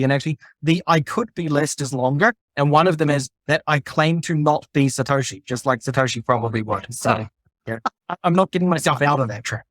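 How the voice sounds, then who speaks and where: A man's voice: fairly high pitch, a bit bright, dry recording. A middle-aged man from New Zealand, a podcast guest explaining his background step by step in casual conversation. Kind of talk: casual chat.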